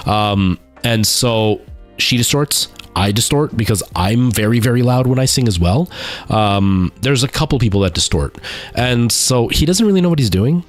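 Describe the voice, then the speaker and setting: Male streamer, lowish voice, candid, self-deprecating, informal chat delivery over faint music. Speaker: streamer chatting with viewers, stage musical performer. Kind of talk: casual livestream chat.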